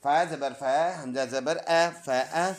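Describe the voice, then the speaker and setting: A man's voice: a little high, slow. A man teaching Quran reading, spelling out each word letter by letter and vowel by vowel before reciting the full verse. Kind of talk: slow spelled-out recitation lesson. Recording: echoey room.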